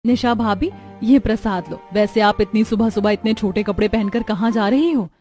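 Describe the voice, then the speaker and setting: A woman's voice: medium pitch, normal speed, faint music behind, natural voice. A woman voicing a meek, polite young village daughter-in-law. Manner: soft and polite.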